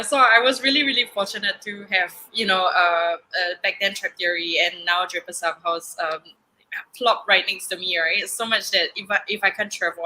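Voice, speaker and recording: A woman's voice: fairly low pitch, bright, forceful tone, poor audio. A young woman from Singapore, a podcast guest, talking in a chatty way with lots of fillers and restarts and frequent laughs. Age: young adult. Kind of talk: casual interview.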